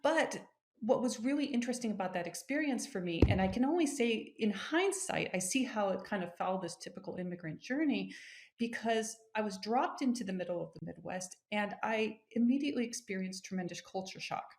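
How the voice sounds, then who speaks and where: A woman's voice: mid-range voice, expressive, brisk, a little mellow. A woman from Japan, an executive coach, telling her story as a podcast guest in a conversational way, often checking in with "right?". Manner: conversational, with restarts and frequent "right?".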